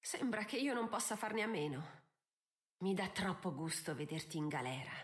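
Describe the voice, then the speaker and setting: A woman's voice: fairly low pitch, animated, moderate pace, close to an everyday voice. A woman doing a cold, mocking stepmother countess. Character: cruel scornful stepmother, a countess.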